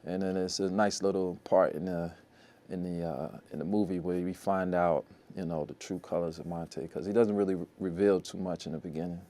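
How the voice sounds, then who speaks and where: A man with a lowish voice who talks plainly and directly about the character he plays, stumbling briefly over a word or two. The setting is an interview about a film. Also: steady tone, a little fast, dark tone. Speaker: actor.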